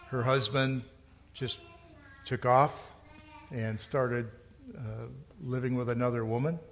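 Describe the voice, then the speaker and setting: A middle-aged male pastor preaching a sermon in a conversational storytelling way, rising to emphatic points. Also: medium pitch. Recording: long hall reverb.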